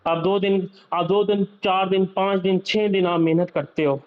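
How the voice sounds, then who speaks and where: A young man with a fairly high voice lectures his sales team in a motivational talk, circling back to the same points again and again. He speaks directly to them. The recording sounds dull and lo-fi. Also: steady tone, clear, resonant tone. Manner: lecturing, repetitive, addresses listeners directly. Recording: slightly dull, lo-fi audio.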